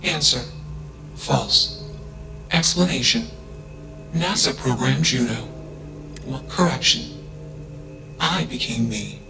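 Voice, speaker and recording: A man voicing a curious, self-aware artificial intelligence in a video game. He speaks in a flat, emotionless way and announces a label before each statement. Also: medium pitch, slow, vocal fry, long pauses. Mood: flat, robotic. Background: game music.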